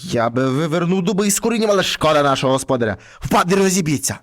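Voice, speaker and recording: A man voicing a strong, gruff male guard dog in a read-aloud fairy tale. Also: fairly high pitch, lively intonation, quick pace, close to an everyday voice.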